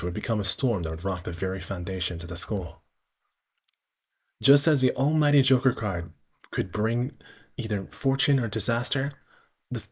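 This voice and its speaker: This man's voice sits on the low side with a breathy edge. He narrates a visual novel aloud on a stream as an amateur reader, mixing in casual commentary while stumbling over words and going back to reread phrases.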